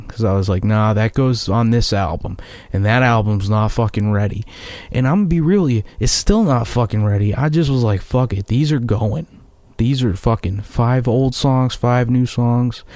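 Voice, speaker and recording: A man's voice: mid-range voice, mellow, no room sound. A young American man, a musician, rambling through a profane, sarcastic casual monologue. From United States.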